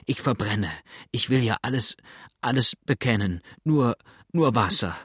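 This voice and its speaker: A man's voice: medium pitch, expressive, measured pace, a bit bright, breathy edge, dry recording, clean studio sound. A man voicing a badly wounded, feverish man near death who moans weakly. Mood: pleading. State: weak, moaning.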